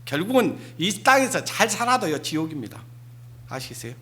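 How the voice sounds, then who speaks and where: A pastor preaching an emphatic Sunday sermon, firing rhetorical questions at the congregation. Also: male voice, a little high, big pitch swings, brisk, heavy background noise.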